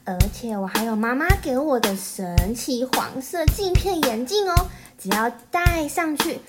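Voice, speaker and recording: High, excitable little crocodile princess. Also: female voice, a little slow. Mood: delighted. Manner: exclamatory, childlike. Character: whiny, dramatic little crocodile princess girl who cries easily. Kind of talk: children's audio story acting. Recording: music under the voice.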